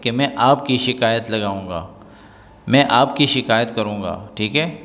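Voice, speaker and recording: A man teaching colloquial Arabic phrases, explaining in Urdu and repeating each phrase slowly for learners to copy. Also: medium pitch, a bit bright, long reverb tail.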